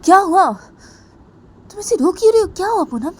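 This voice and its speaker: A worried young woman fires off the same anxious questions again and again in a much higher, louder voice, as a woman storyteller puts her on. She sounds caring and insistent. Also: expressive, brisk. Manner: anxious, repeats questions over and over. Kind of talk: storybook narration acting.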